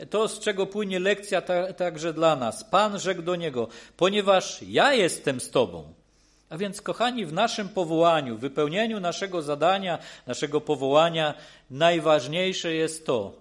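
Male preacher, sermon, a touch higher voice, halting, reassuring. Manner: halting, many restarts and repeated phrases; earnest, reassuring.

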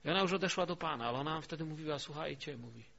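Emphatic preacher, lo-fi church recording. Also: male voice, on the high side, racing, vocal fry. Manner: storytelling, swings from hushed to emphatic. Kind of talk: sermon. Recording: dull lo-fi recording.

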